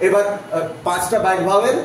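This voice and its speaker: A man teaching a phonetics lesson, repeating vowel sounds slowly so students can follow. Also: high voice. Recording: very echoey room, voice from off-mic, faint background noise.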